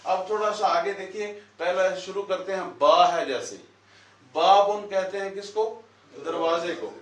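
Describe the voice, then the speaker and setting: A man's voice: high voice, measured pace, a bit bright. A man teaching a Quran lesson at a whiteboard in a classroom, quizzing the class and repeating their answers. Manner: asks questions and repeats the answers. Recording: echoey room, voice from far off.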